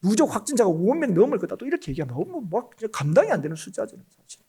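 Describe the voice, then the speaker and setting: Fast, lively Korean pastor preaching. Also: male voice, sits high, breathy edge. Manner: emphatic, often addresses the congregation. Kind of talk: Korean church sermon. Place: church sanctuary.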